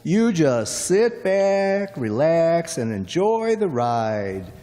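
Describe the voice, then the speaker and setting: A man's voice: a little high, big pitch swings, very slow, warm tone, heavily acted. A man playing a chatty, folksy middle-aged cab driver in a radio play, rambling on in a drawl. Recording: long hall reverb.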